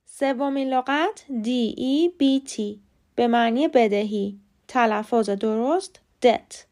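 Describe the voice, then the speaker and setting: A woman whose first language is Persian hosts a short scripted lesson podcast. Her voice sits a little high, and she speaks clearly and carefully. She slows down to spell words out one letter at a time. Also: darkish tone. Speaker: podcast host and English teacher.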